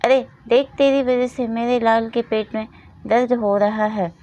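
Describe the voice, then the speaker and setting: Woman putting on a mean stepmom voice, snappy and taunting, kinda high, storybook reading. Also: steady tone, unhurried, mellow, lo-fi sound, close to an everyday voice. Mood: scolding. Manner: taunting, shrill scolding. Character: harsh scolding stepmother, adult woman. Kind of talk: storybook narration with voiced roles.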